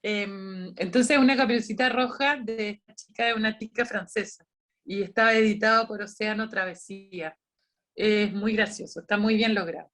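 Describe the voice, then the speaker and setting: A woman's voice: mid-range voice, steady tone, normal speed, a bit bright. A woman, a librarian running an online training session for volunteer storytellers, explaining in a chatty way with many restarts and quoted dialogue.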